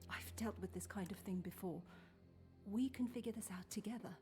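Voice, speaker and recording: A woman playing a calm, reassuring helper to a troubled mother in a video game drama. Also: mid-range voice, a little fast, soft background music, lightly acted. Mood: firm, reassuring.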